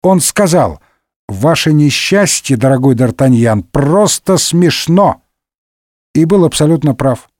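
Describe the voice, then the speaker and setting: Brash, sarcastic middle-aged swordsman, read by a male narrator, raised pitch, jumpy lively delivery, comic audiobook. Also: unhurried, dry recording, clean studio sound. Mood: sarcastic, mocking. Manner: brusque, mocking, shouting insults. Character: hot-tempered middle-aged Gascon swordsman, rude and sarcastic.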